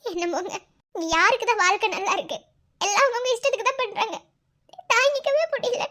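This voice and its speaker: An upset young wife in a village cartoon, voiced by a woman with a Madurai accent. Her voice is very high and squeaky, and she sounds tearful and indignant. She keeps sighing over the trouble in the family. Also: brisk, sharp tone. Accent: Madurai Tamil.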